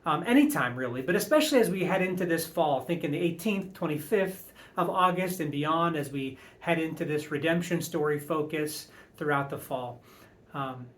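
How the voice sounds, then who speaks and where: A man speaking as a pastor, giving church announcements in a measured, earnest, encouraging way. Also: a little high, lively intonation, a bit bright.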